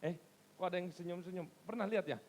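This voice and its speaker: Lively high-voiced preaching man. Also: quick pace, a little hiss or hum. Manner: lively, conversational preaching with sudden loud emphasis. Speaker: pastor. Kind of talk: sermon. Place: church.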